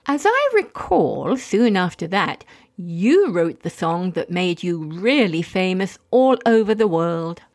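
Woman playing a lively, prim interviewer. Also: fairly low pitch, slow pace, exaggerated voice. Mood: prim, flustered. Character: polite, prim female interviewer, easily flustered. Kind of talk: scripted comic mock interview.

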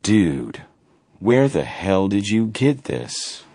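A man's voice: on the low side, lively intonation, a little slow, darkish tone, no room sound, voice pushed up. A man voicing a sarcastic, weary male soldier stuck inside through winter, with a dry, sarcastic delivery. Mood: awed.

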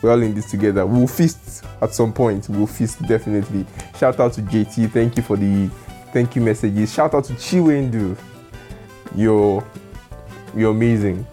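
A man hosting a casual podcast, relaxed and teasing, often repeating his words. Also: lowish voice, moderate pace, soft background music. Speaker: podcast host.

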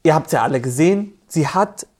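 A woman's voice: sits low, expressive, fairly quick, darkish tone. A woman co-hosting a casual reaction podcast, giving her opinions and thinking aloud with fillers. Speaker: podcast co-host.

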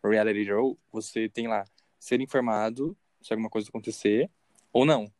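A man's voice: lowish voice, steady tone, moderate pace, a little mellow, no room sound. A young Brazilian man with a Brazilian Portuguese accent, co-hosting a podcast in casual, jokey chat and laughing often. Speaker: podcast co-host.

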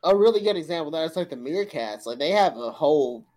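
Male co-host, a touch high, rambling filler-heavy chat. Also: lively intonation, fast talker, darkish tone, rough recording. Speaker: podcast co-host. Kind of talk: casual chat.

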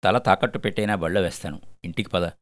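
A man's voice: low voice, fast, no echo, clean studio sound, natural voice. An older man voicing a poor, tender-hearted father who coaxes his crying son, in a storybook reading. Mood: coaxing. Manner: coaxing, gentle scolding.

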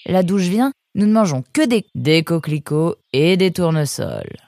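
Lady doing a squeaky young boy fox, jumpy and indignant, storybook voice, kinda mellow tone under it. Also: expressive, no echo, studio quality. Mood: curious. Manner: high, exclaiming, quick to protest.

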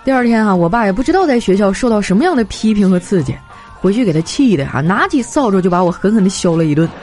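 A young woman telling comic anecdotes in a chatty, animated way, slipping into voices for the people in her stories. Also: mid-range voice, fast. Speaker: comedy storyteller. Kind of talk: scripted comic monologue. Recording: light background music. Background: faint music.

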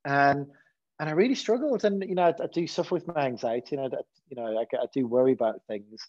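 Speaking frankly in an interview, a male head teacher keeps stumbling into repeated false starts and beginning his sentences again. His voice sits in the mid range, moves quickly, and sounds a little mellow on a dry, somewhat dull, low-fidelity recording.

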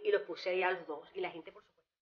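A woman with a Venezuelan accent, a singer as interview guest, telling her story in a lively way and acting out the voices she quotes. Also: fairly low pitch, fast talker, lo-fi sound.

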